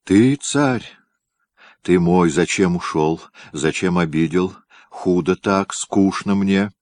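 A man's voice: takes it slowly, no echo. A man voicing a willful, clingy young tsaritsa in a read-aloud historical story, pleading in a raised voice. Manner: pleading, higher and louder than the narrator. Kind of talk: audiobook reading.

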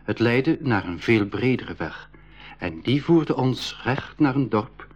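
In a dull-sounding 1980s radio play for schoolchildren, an actor voices a male expedition member recounting his jungle adventure. His husky, mid-range voice is slow and expressive, and he tells the story gravely and descriptively to his young listeners.

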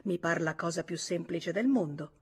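A woman's voice: lowish voice, normal speed, darkish tone, husky. A woman voicing a cold, callous young man who answers curtly and with contempt, in a radio audiobook reading. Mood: cold, contemptuous. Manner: curt, contemptuous.

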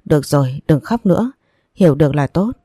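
A woman's voice: low voice, animated, brisk, dark tone, breathy edge, dry recording, clean studio sound. A woman voicing an older wealthy boss who dotes fondly on his daughter. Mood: indulgent. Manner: indulgent, fond. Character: older man, wealthy ruthless boss, doting father.

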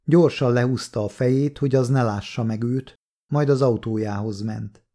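A man narrating a novel as an audiobook, reading in a calm, measured way. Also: mid-range voice. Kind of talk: scripted narration.

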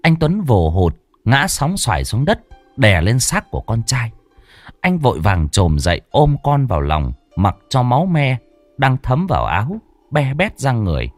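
A male narrator tells a horror story with a dramatic, theatrical delivery, his pitch swinging widely from line to line. The sound is dry and close, and faint music plays beneath. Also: wildly swooping pitch, normal speed, no room sound.

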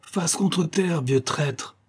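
A man voicing a bold, proud young bandit chief who speaks with calm contempt and barks orders in an audiobook tale. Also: medium pitch, moderate pace, husky, natural voice. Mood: commanding. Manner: contemptuous, commanding.

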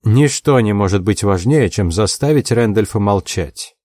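A man's voice: fairly low pitch, expressive, moderate pace, dark tone, dry recording, clean studio sound, natural voice. A male audiobook reader voicing a devoted young man who speaks in a resolute, earnest way. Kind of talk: audiobook character voice.

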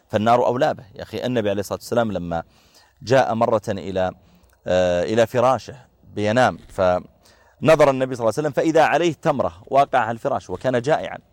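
A man teaching a conversational religious lesson, explaining through everyday examples with frequent filler pauses. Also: mid-range voice, no echo.

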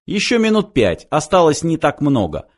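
A man's voice: on the high side, huge pitch swings, moderate pace. A man reading an audiobook, voicing a cornered male sniper who stalls coolly in a dry, sardonic manner.

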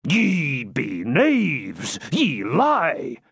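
A man voicing a brawling, boastful burly friar, speaking bluff archaic English in a raised, drawn-out voice. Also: a little high, huge pitch swings, husky, dry recording, clean studio sound, voice pushed up, exaggerated voice. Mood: blustering. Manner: bluff, blustering archaic speech.

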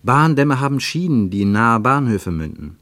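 In a dry recording, a male narrator tells a travel story for radio with dramatic shifts in pitch and volume. His delivery is lyrical and measured, with a sing-song lilt.

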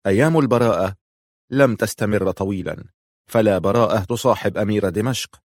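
A man reads a novel aloud as an audiobook narrator, measured and literary in his delivery. His voice sits low. The recording is close and dry with no room sound. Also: a little mellow, no echo.

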